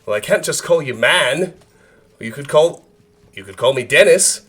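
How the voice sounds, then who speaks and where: A man voicing an indignant young peasant in a high, mock-offended voice, quoting a film scene. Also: expressive, normal speed, a bit bright, breathy edge.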